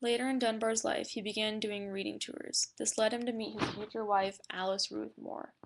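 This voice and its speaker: A woman's voice: medium pitch, steady tone, moderate pace, gravelly. A young woman reading a class presentation aloud from a script, with small slips and fillers. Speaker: student presenter.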